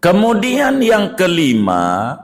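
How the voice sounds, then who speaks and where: Slow-speaking male cleric teaching recitation. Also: sits high, wildly swooping pitch. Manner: drawn-out demonstrations of recited phrases, emphatic corrections. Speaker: Islamic cleric teaching jurisprudence. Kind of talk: religious study lecture.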